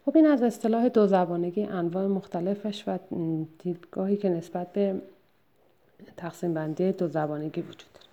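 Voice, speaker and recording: A woman's voice: fairly low pitch, dark tone, lo-fi sound. Hesitant woman explaining a textbook chapter. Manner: measured explanatory delivery with frequent hesitations and self-corrections. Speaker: lecturer. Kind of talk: lecture summarizing a textbook chapter.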